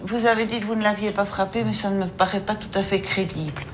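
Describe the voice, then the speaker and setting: A woman's voice: medium pitch, steady tone, quick pace, background noise. A woman judge sternly questioning a defendant in her office. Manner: stern, pointed, interrogating. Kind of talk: courtroom questioning.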